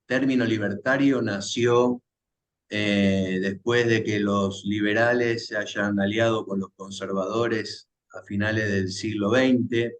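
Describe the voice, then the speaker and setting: A man's voice: on the low side, steady tone, takes it slowly. A man interviewing a guest, giving short acknowledgements and prompting questions.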